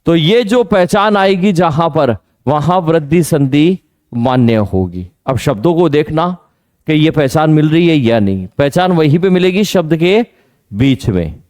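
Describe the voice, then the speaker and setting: A man teaching Hindi grammar in an exam coaching lesson, quizzing students on pronunciation and drawing out key words slowly. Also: a little high, lively intonation, a little mellow, no echo, studio quality. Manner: drills pronunciation with repeated questions to students.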